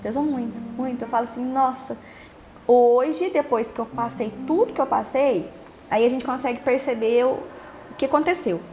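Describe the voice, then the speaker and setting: Brazilian woman talking fast n high, halting and repeating herself, faint hiss behind. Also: a little mellow. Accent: Brazilian Portuguese. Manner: halting, repeats words, trails off. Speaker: podcast host interviewed as guest. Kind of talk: emotional personal testimony.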